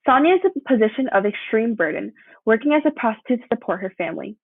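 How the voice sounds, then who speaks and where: A young woman reading a prepared student presentation aloud. She keeps a steady pace and sometimes stumbles and corrects herself. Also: on the high side, fast talker, husky, dry recording. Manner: steady read-through with occasional slips and self-corrections. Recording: dry, tinny phone-like sound.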